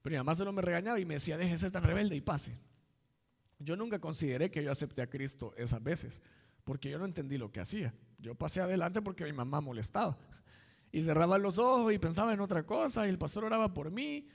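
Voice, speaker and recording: A man's voice: a little high, animated, fast, vocal fry, long reverb tail. A man, an assistant pastor, preaching a sermon in a conversational way and weaving in personal stories.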